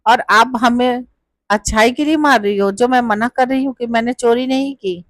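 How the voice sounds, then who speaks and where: A woman voicing a pious young daughter in a spoken folk tale, pleading softly. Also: on the high side, moderate pace, no echo, clean studio sound, voice pushed up, lightly acted. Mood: earnest.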